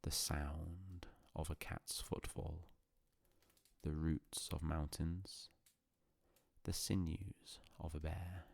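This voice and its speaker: Male sleep-story narrator: gravelly, close and dry, calm, solemn, hushed delivery with long pauses. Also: extremely low pitch, no room sound.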